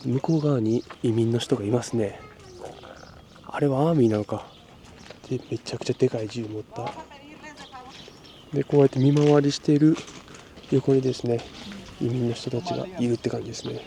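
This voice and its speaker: A gravelly, dark-toned voice of medium pitch comes at a quick pace, fairly even in intonation and broken by frequent pauses. The Japanese man is narrating a handheld travel vlog outside a migrant shelter near the railway tracks, chatting happily with people in easy Spanish and English.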